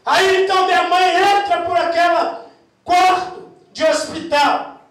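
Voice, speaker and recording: A Brazilian man with a Brazilian Portuguese accent, a deacon, shouting his testimony fervently to the congregation in a sermon. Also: very high voice, steady tone, measured pace. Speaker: deacon preaching. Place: large echoing church. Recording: echoey church hall, far from the mic.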